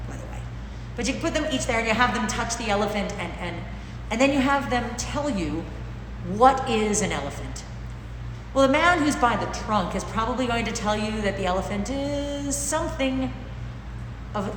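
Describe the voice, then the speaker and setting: A middle-aged woman teaching informally to camera, slightly muffled through a face mask, explaining things in a deliberate, emphatic way. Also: mid-range voice, lively intonation. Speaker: dog trainer and class host. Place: large bare indoor training room with concrete-like floor. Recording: echoey hard-walled room, clear background noise.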